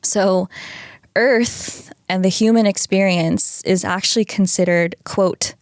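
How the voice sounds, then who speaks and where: A woman's voice: mid-range voice, fairly even intonation, takes it slowly, dry recording, clean studio sound. A woman co-hosting a podcast in a laid-back, casual way, swearing and laughing often. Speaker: podcast co-host. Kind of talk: casual chat.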